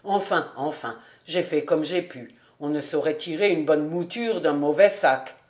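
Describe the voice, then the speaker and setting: Woman putting on a lower boastful bachelor's voice. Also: a little slow, darkish tone. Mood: bluff. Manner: lowered voice, bluff and self-satisfied. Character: jovial middle-aged bachelor man, boastful.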